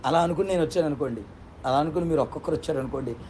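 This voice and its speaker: A man's voice: a little high, rapid-fire, a little hiss or hum. A male pastor preaching a sermon with fervent, repetitive rhetorical questions.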